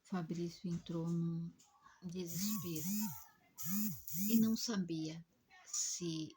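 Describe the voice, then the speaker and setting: A woman telling an emotional spiritual story as a spiritist rescue worker, in a hushed, breathy, dramatic way. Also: on the low side, fairly even intonation, slow, a little hiss or hum.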